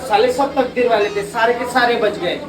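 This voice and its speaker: A woman's voice: a little high, fairly quick, roomy sound, heavy background noise. A woman acting in a comedy sketch, delivering wisecracking comebacks. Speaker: comic sketch performer.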